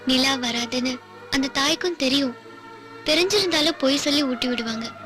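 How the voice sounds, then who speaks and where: A woman's voice: high-pitched, normal speed, bright, forceful tone. An actress playing a headstrong young woman, speaking in a determined, defiant way with a Tamil accent. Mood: earnest. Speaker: film heroine. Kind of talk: film dialogue. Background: film music.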